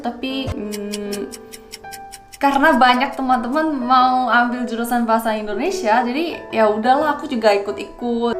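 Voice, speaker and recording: A young woman from South Korea, a native Korean speaker with a Korean accent, hosting a casual explainer vlog and answering questions. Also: medium pitch. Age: young adult. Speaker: video host. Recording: roomy echo, music behind.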